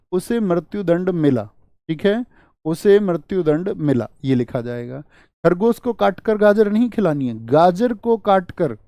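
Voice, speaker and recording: A man's voice: a little high, mellow, dry recording, clean studio sound. A male teacher running an exam-prep lesson, drilling students with repeated rhetorical questions. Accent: Hindi.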